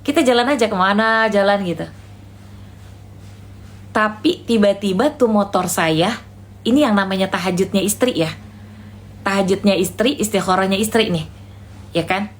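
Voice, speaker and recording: Chatty woman preacher telling a story. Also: medium pitch. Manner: calls the listener "Kak", retells conversations with "gitu". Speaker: Islamic preacher answering questions. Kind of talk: casual religious advice and storytelling. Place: live online room.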